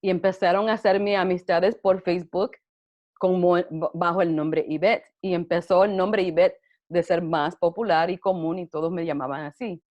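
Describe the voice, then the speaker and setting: A woman's voice: lowish voice, fairly even intonation, normal speed. A middle-aged Puerto Rican woman with a Puerto Rican accent, chatting casually about her life and laughing often. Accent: Puerto Rican Spanish. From Puerto Rico. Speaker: interviewee. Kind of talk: casual personal storytelling. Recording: dull lo-fi audio.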